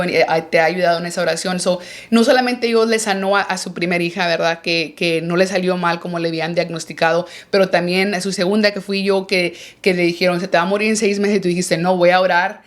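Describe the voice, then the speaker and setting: A woman's voice: on the low side, fairly even intonation, fast. A woman in her thirties hosts a casual faith podcast. She slips English fillers into her speech and keeps a conversational flow. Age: 30s. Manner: warm, mixes in English fillers. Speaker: podcast host.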